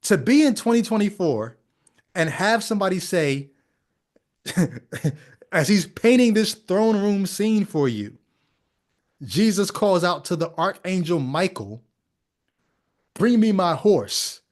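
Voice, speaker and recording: A man's voice: sits high, very animated, measured pace, long pauses. A man hosting a podcast, commenting on a sermon clip in a wry, sarcastic way. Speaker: podcast host. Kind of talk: casual commentary.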